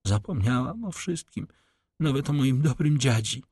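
A man's voice: medium pitch, lively intonation, normal speed, a little mellow, husky, no room sound, clean studio sound, voice pushed up. A man reading an audiobook, voicing a desperate, pleading young woman in love with a tearful, raised voice. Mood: imploring. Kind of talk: audiobook reading of a classic novel.

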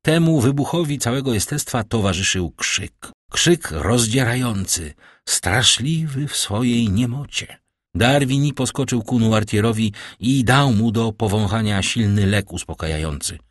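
A man narrating a classic novel as an audiobook in a measured, dramatic reading. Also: mid-range voice, expressive, no room sound, clean studio sound.

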